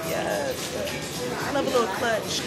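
A woman's voice: on the high side, slow pace, over loud music. A young woman chatting playfully in slangy casual talk as she vlogs while shopping, filmed on a handheld camera. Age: young adult. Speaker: vlogger. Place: busy clothing store and grocery store, indoors. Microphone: handheld camera at arm's length.

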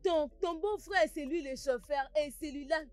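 A woman playing a high-voiced pleading sister. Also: moderate pace, close to an everyday voice. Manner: pleading, insistent, repeating herself. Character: young sister trying to calm her brother. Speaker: dubbed film character.

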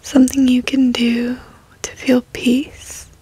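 A young adult woman gives a reassuring ASMR pep talk in a soft, breathy whisper, close to a desk microphone in a bedroom. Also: sits high, flat delivery, no room sound, poor audio. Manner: slow, reassuring, gentle encouragement. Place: bedroom, indoors.

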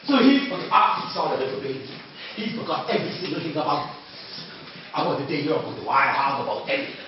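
Man, storyteller in a school, high voice, dull lo-fi sound, faint ambience. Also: fast talker, background noise. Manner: dramatic, expressive, swinging loud to hushed. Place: school room. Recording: echoey room from far off, dull.

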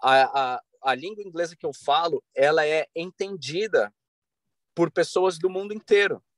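A man in his thirties from Brazil, a podcast guest talking earnestly over a video call from a bright room at home, with many restarts and fillers. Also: fairly high pitch, normal speed, no room sound. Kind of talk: casual interview talk. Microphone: video call webcam.

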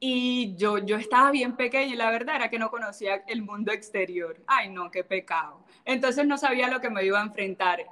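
A woman's voice: a little high, a little fast, hardly any pauses, pushed and bright. A woman from Cartagena speaks with a Colombian Caribbean coast accent. She is a guest in a casual interview. Her talk is blunt and sassy, and she often slips into brief imitations of other people.

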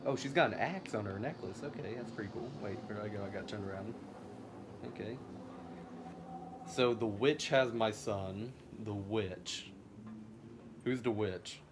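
Excitable man commenting on a game. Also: on the low side, noisy background. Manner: excitable, jokey, talks back at the game. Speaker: let's play host. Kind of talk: gameplay commentary.

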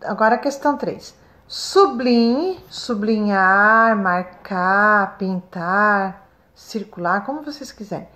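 A woman with a Brazilian Portuguese accent, a first-grade teacher recording a remote lesson, speaking slowly and stretching out syllables for young children. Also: mid-range voice, animated, sharp tone. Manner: slow, sing-song, stretches syllables for children.

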